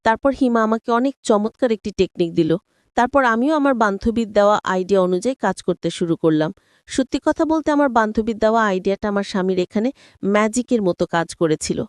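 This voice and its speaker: A woman's voice: medium pitch, animated, brisk, no room sound, clean studio sound. A woman narrating a first-person story and addressing her listeners directly.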